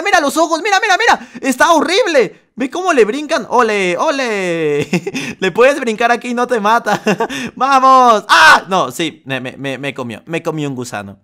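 A young man giving animated gameplay commentary, yelping and laughing as he talks to his viewers. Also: very high-pitched. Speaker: gaming YouTuber. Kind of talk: excitable Roblox gameplay commentary.

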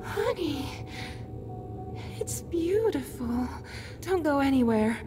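Eerie, slow, high-voiced female stalker. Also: animated, music in the background. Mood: doting, menacing. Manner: sweetly menacing, drawn-out delivery. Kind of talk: horror game voice acting.

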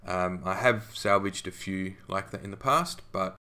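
With a low voice and a slightly slow pace, a man narrates a scale modelling tutorial as a voice-over. He keeps it relaxed and chatty, frequently stumbling into ums and starting over.

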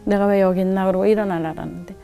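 A woman's voice: flat delivery, very fast, faint music behind. A middle-aged woman giving a heartfelt personal testimony as a missionary guest in a studio, earnestly retelling her story. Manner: earnest and heartfelt, quotes God in a lowered softer voice.

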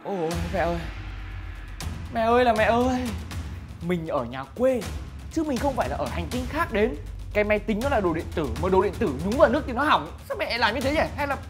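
A woman's voice: fairly high pitch, expressive, racing, few pauses, soft background music, close to an everyday voice. A woman voicing an exasperated young son who whines at his mother. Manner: whiny, exasperated.

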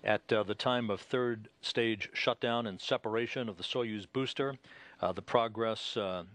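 Male mission control announcer, lowish pitch, halting measured delivery, live spaceflight commentary, close dry sound. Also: a bit bright, no room sound.

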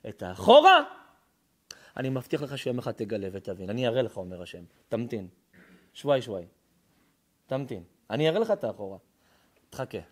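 A rabbi with an Israeli accent giving a dramatic sermon, telling stories and swinging from hushed tones to shouting. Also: male voice, medium pitch. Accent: Israeli Hebrew. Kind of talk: sermon with storytelling. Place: synagogue or lecture hall.

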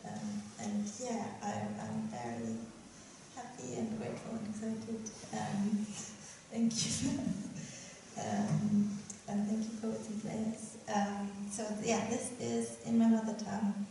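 A young female poet reads from a lectern on a darkened stage at a festival event, giggling and chatting between pieces and turning measured for the poems. She has a mid-range voice, with slight background noise. The stand mic sits at a distance in a roomy hall.

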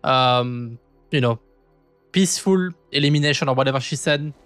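A man's voice: medium pitch, normal speed, a bit bright, clean tone, no echo. Casual male anime streamer, dry close sound. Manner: offhand, chatty short remarks. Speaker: VTuber streamer. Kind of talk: casual anime reaction commentary. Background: music from the show being watched.

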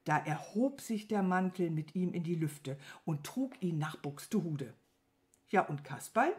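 A kindergarten teacher reading a children's story aloud for children, expressive storytelling. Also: female voice, lowish voice, a little slow.

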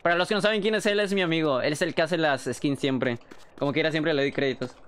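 Young Mexican male streamer, rapid casual chat, swears a lot, slightly high voice. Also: a little hiss or hum. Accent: Mexican Spanish. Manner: fast, excitable, swears freely.

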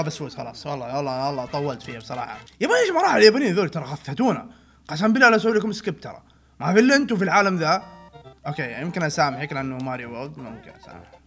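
Brief: young male gamer, expressive voice that swings from mutters to yells. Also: fairly high pitch. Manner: excitable, swinging between mutters and loud outbursts. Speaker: gaming channel host. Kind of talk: let's play commentary.

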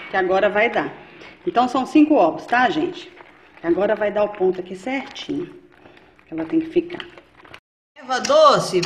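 A woman with a fairly high-pitched, fairly bright voice hosts a cooking video from her home kitchen, where the sound is echoey and faintly noisy. She demonstrates the recipe step by step in a chatty way, checking in with viewers often.

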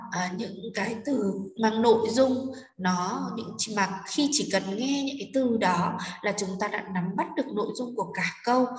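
Fairly high-voiced woman teacher, echoey room. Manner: patient, explanatory, with frequent hesitation fillers and check-in questions. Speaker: English teacher. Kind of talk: explaining a textbook exercise to students. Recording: echoey room, mic far off, faint noise.

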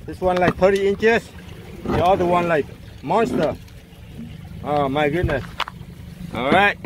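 A middle-aged man with a high voice hosts a fishing video from a small open boat out at sea. He chats and exclaims constantly in simple, broken English, recorded on an action camera with a faint hiss in the background. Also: unhurried. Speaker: fishing channel host. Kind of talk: casual excited narration while fishing. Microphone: handheld or mounted action camera.

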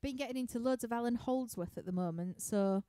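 A chatty young woman with a Yorkshire accent rambles through viewer questions from her living room, laughing often and filling pauses with lots of ums. Her voice sits on the higher side yet sounds mellow and dark. The sound is dry and close, with no room echo. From Yorkshire, England. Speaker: musician hosting a live stream Q&A. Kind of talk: casual chat reading viewer questions.

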